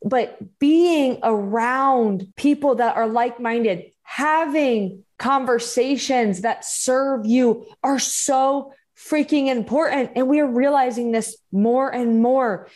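A woman's voice: high-pitched, slow, hardly any pauses, a little mellow. A woman hosting a motivational podcast solo, talking in an encouraging, earnest, emphatic and conversational way. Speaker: podcast host and growth coach.

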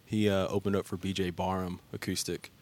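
Man, very deep voice, casual storyteller, filler-heavy, earnest. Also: flat delivery, brisk, a little mellow. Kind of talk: casual chat.

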